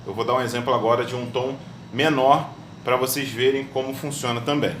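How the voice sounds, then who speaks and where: A man's voice: mid-range voice, fairly even intonation, fairly quick, distant mic. A man teaching a music theory lesson step by step, often checking in with his students. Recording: echoey room, voice off-mic, faint hum.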